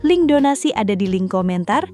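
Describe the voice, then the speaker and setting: A woman reading a scripted channel announcement in an even, polite voice-over. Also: mid-range voice, fairly quick, soft background music.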